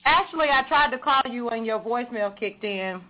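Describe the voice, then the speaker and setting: Female caller, fairly high voice, wry and teasing, casual talk on a narrow telephone connection. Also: expressive, brisk, a little hiss or hum. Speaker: caller, the host's sister. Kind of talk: casual phone chat. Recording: thin phone line.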